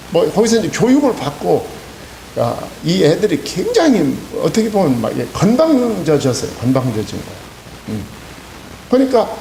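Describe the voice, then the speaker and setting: Recorded in an echoey church hall with a faint hiss, this high-pitched male voice carries vocal fry. He is a pastor in his 60s speaking with a Chungcheong accent, delivering an evening sermon as folksy storytelling full of affirming interjections.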